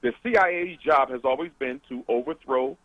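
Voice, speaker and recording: A man's voice: medium pitch, brisk, no room sound, phone-quality sound. A man calling in as a guest to a radio talk show, lecturing emphatically over a call-in line.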